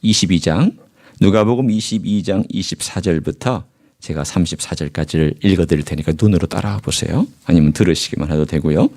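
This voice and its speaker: In a church sanctuary, a male pastor preaches a sermon, reading scripture aloud in formal biblical diction and putting rhetorical questions to his congregation. His voice is low and darkish, and he speaks a little fast.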